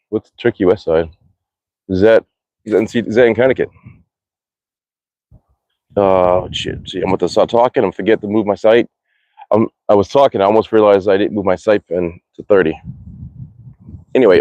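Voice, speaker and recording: A man's voice: fairly low pitch, darkish tone, dry recording, lo-fi sound. A man live-streaming from his backyard archery range, chatting casually, answering viewer comments aloud and muttering curses after bad shots. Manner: rambling, restarts often, answers chat comments aloud. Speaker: archery livestreamer. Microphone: phone live-stream.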